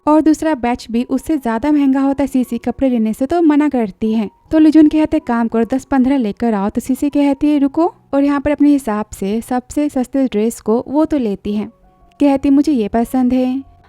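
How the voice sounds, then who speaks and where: A woman retells a drama's plot in a high voice, quick to slip into the characters' lines. Her tone is mellow and a little dark. The close, dry voice-over has faint music behind it. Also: dry recording. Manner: retells the plot in a chatty way, briefly acting out each character's lines. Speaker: drama recap narrator. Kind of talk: storytelling recap of a drama.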